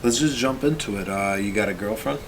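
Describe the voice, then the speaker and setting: Easygoing young man, lowish voice. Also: fairly quick, heavy background noise. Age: 20s. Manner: easygoing, laughs often, reads sponsor plugs. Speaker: podcast co-host. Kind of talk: casual chat.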